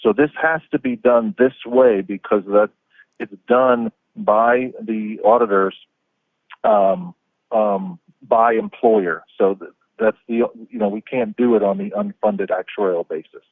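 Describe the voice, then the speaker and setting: A man calling in by phone to a meeting, explaining figures in a measured way with frequent ums. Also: on the low side, dry recording. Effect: heard over a phone call. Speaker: pension staff member calling in. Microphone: phone or headset on a call. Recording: tinny dry phone line.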